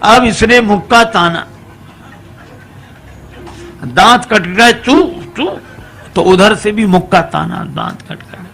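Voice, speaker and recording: A male religious storyteller in a lively, animated manner, telling a humorous devotional story. His voice is high and bright, with gravel in it. He speaks slowly. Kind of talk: humorous devotional story sermon with chanted verses.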